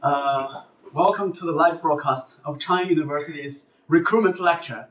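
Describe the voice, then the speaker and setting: A man hosts a live university recruitment lecture, speaking hesitantly with fillers and self-corrections. His voice is on the high side and fairly bright, at normal speed, picked up roomily from far off the mic.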